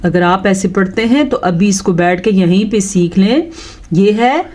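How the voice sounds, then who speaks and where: A woman teaches Quran recitation in a calm, unhurried lesson. Her pace is very slow and her pitch sits in a middle range. She stretches out each recited word and patiently explains how to say it.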